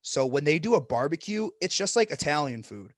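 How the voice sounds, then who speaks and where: A man's voice: on the high side, big pitch swings, fairly quick, dry recording. Blunt, joking young man with a dry sound. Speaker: podcast co-host. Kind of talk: casual podcast chat.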